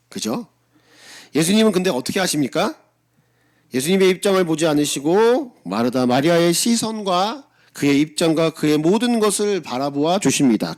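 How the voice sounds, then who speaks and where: A middle-aged man, the senior pastor, giving a conversational sermon to his congregation, asking them rhetorical questions and acting out his own blunt replies in quick asides. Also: high-pitched, a bit bright.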